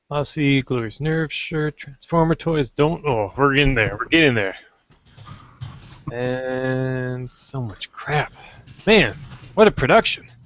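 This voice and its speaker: A man's voice: medium pitch, gravelly, a bit bright. A man hosting a casual podcast, joking and rambling as he tries out silly intros. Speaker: podcast host. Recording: dull lo-fi dry sound.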